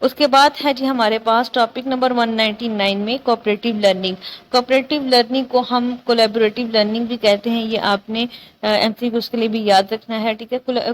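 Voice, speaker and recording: Woman tutor, even-toned exam review. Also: fairly high pitch, rough recording. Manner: repetitive, checks in with "theek hai?". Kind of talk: exam-prep lecture.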